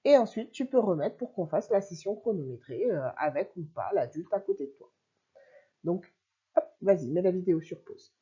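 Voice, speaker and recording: Woman teacher, reading lesson for young kids, lively pitch, dull lo-fi recording. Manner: slow, clear syllable-by-syllable reading, encouraging. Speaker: primary school teacher.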